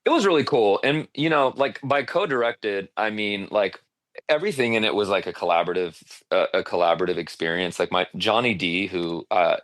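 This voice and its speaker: A man with a very low voice chats as an interview guest on a podcast. He tells animated, filler-heavy stories. The sound is dry and close, with little room echo. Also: a little fast. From Arizona. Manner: animated storyteller, many fillers, laughs often. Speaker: singer-songwriter guest. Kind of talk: casual interview chat.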